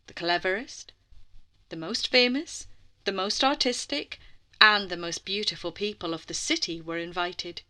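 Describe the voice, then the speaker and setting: With a fairly low pitch and a measured pace, a woman narrates a children's bedtime story expressively. She lingers over dramatic phrasing and slips into soft passages.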